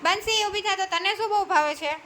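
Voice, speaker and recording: Encouraging preschool teacher woman, very high voice. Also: fairly quick, pushed and bright, faint music behind. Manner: encouraging, calls on children by name and praises each answer. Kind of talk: classroom teaching.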